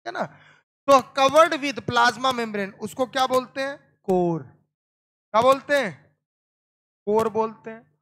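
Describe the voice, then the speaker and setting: A male biology teacher with a high, slightly bright voice lectures his class, repeating terms and asking again and again whether the students understood. He keeps quizzing them and calls them "beta."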